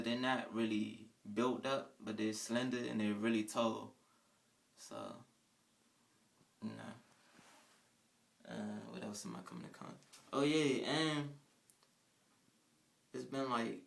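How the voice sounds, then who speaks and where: Gravelly-voiced man rambling casually. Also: medium pitch, fairly even intonation, takes it slowly, long pauses. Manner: rambling, with restarts and trailing off. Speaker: vlogger. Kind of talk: casual first-person account.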